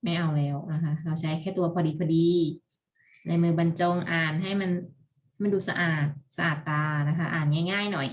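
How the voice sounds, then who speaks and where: Chatty woman teacher, lowish voice. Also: moderate pace. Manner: chatty, informal, self-correcting asides. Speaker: primary school teacher. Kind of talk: casual recorded online lesson. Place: at home. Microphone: computer recording with screen and mouse.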